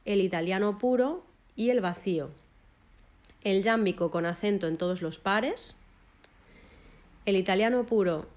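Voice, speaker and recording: A woman explaining a literature lesson, listing technical terms one by one in a measured way with short pauses. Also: medium pitch, a little mellow.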